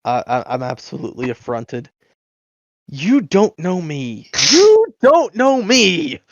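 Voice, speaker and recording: A man's voice: medium pitch, level tone, moderate pace, no echo, natural voice. A man playing a vain, theatrical male adventurer who speaks in pompous, indignant outbursts. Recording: dull lo-fi dry mic.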